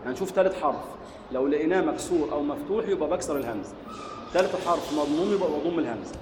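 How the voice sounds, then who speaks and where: Speaking rapid-fire in an expressive, somewhat high voice, a man with an Egyptian Arabic accent teaches a classroom lesson on Quranic sciences, posing questions and answering them himself. The mic is far off in an echoey hall, with faint noise.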